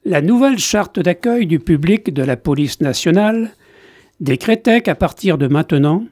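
A man reading a novel excerpt aloud in a measured, deliberate scripted narration. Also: fairly high pitch, animated, a little mellow, no echo, studio quality. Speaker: reader of book excerpts.

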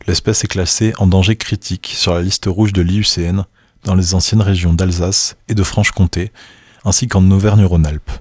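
A man reading scripted nature documentary narration in a measured, informative manner, with a husky voice. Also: deep voice, no room sound, studio quality.

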